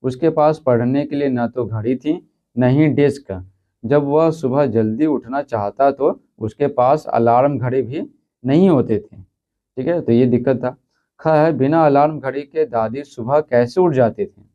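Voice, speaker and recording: A man teaching a school lesson, reading textbook questions and answers, then repeating them slowly with frequent check-ins. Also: medium pitch. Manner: repeats answers, fills with "theek hai". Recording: slightly dull lo-fi recording.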